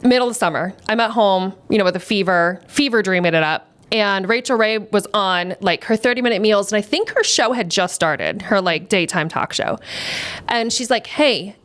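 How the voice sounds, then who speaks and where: A woman in her forties, a guest in an interview, telling a story in a lively way, laughing often and acting out what people said. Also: mid-range voice, normal speed. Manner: animated, laughs often, acts out quotes. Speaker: guest, food stylist.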